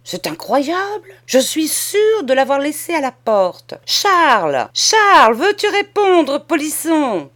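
A woman reading aloud and voicing a shrill, suspicious old woman who scolds her maid and fears fairies. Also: big pitch swings, normal speed, hardly any pauses, lightly acted. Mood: shrill scolding. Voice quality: sour, shrill.

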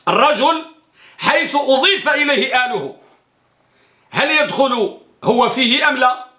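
A man's voice: extremely high pitch, lively intonation, moderate pace, bright, forceful tone, roomy sound. A man teaching an Islamic studies class, asking his students questions and answering them himself, and repeating key phrases. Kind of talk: classroom lecture on a hadith text.

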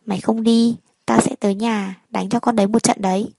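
A woman's voice: on the high side, flat delivery, brisk, gravelly, warm tone, slightly rough, no echo. A woman reading the part of a jealous, hot-tempered young man who threatens his brother. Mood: threatening. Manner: blunt, threatening.

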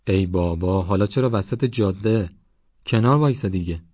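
A man's voice: low-pitched, darkish tone, slightly rough, no room sound, muffled recording. Man doing a blunt truck driver. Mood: exasperated. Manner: blunt, exasperated. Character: gruff male truck driver.

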